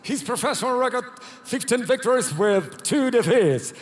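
An older man with a Russian accent, working as a ring announcer with brash promoter hype and drawn-out shouted names. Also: extremely high pitch, expressive. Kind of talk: bilingual Russian and English fight announcing. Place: fight cage in a large indoor arena. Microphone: handheld microphone. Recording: arena PA with long hall reverb.

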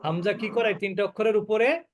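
A man's voice: high voice, a little hiss or hum. A man teaching a recitation class, asking his students questions and answering them himself, sometimes drawing out words as examples. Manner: drawn-out sung examples. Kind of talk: interactive class lecture with call-and-response questions.

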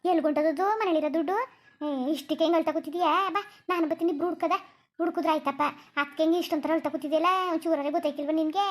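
Woman voices a chatty, scolding cartoon housewife friend, high and fast. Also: steady tone. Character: bossy, talkative village housewife friend.

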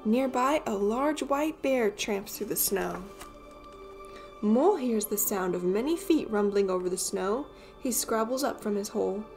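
Faint music plays behind a woman reading a children's picture book aloud as an expressive storyteller. She has a medium-pitched voice and takes her time.

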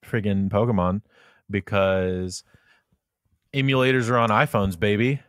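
A man's voice: fairly low pitch, steady tone, measured pace, smooth, dry recording, clean studio sound. A young man hosting a casual podcast, chatting loosely with slang and frequent laughter. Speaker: podcast host. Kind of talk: casual podcast chat and ad read.

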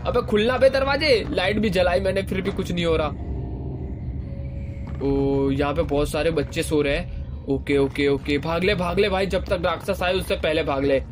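A young man giving casual, excitable commentary while playing a horror game, swearing playfully and yelping high when scared. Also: normal speed, noisy background. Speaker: gaming YouTuber. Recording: game music loud behind voice. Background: horror game music.

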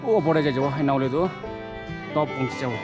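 Talking quickly at a medium pitch over music, a young hiking vlogger from India films himself with an arm's-length action camera. He gives casual narration as he walks through a mountain forest, pointing out what he sees.

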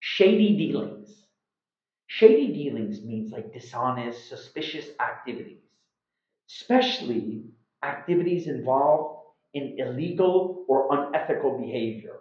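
This middle-aged English teacher from Iran hosts an informal slang lesson to camera at a slightly slow pace and medium pitch. He's emphatic and animated, acting out examples, recorded indoors in a small room at home with roomy, somewhat dull audio.

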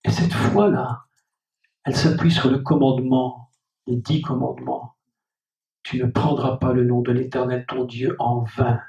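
A man's voice: mid-range voice, level tone, unhurried, creaky, a little mellow. A man preaching a sermon as pastor, repeating key phrases and speaking directly to the congregation. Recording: dull, echoey hall recording from a distant mic.

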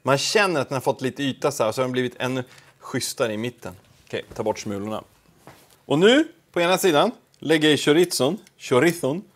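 A man's voice: medium pitch, lively intonation. A man hosting a casual home cooking video, talking to the camera while he cooks, with offhand, self-deprecating asides. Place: home kitchen.

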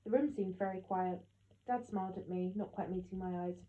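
A woman narrating an audiobook in the first person with steady storytelling. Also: mid-range voice, brisk. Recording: echoey tinny phone-like sound.

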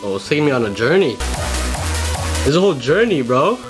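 A man's voice: mid-range voice, sing-song, fairly quick, over loud music. A young man with a slangy frat-bro way of talking, giving casual reaction commentary as a host. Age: young adult. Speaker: host, content creator reacting to fan videos.

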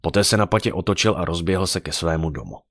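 A man narrating a dark fantasy audiobook with dramatic storytelling. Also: low voice, no room sound, clean studio sound.

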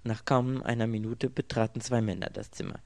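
A man narrating an audiobook in a measured, steady way. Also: mid-range voice, vocal fry, no echo.

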